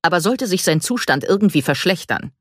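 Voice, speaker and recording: A woman's voice: lowish voice, expressive, fairly quick, dry recording, studio quality, voice pushed up. A woman voicing a stern, evasive male veterinarian who speaks in a curt, lecturing way.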